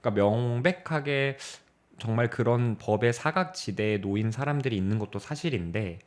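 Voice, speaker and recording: A young man co-hosting a talk podcast, reasoning aloud in a measured, reflective way. He pauses often to find words, and his pitch moves a lot as he makes his points. His voice sits in an ordinary middle register. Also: lively intonation. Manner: thoughtful, measured, pauses with filler sounds. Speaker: podcast co-host. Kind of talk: casual discussion of literature.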